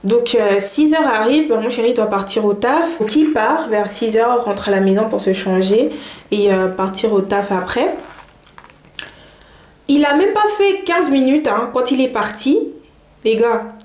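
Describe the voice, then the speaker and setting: Brief: young woman, casual storytime, chatty and animated, highish voice, echoey room. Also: measured pace. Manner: lively, chatty, laughs while telling, addresses viewers directly. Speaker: vlogger. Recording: echoey room, faint noise.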